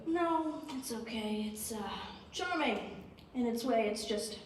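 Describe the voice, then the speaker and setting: A teenage girl playing a lonely, gloomy restaurant customer, awkward and flat, on a school stage. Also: on the high side, measured pace, slight background noise. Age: teens. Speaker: high school student actor. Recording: echoey hall from far off.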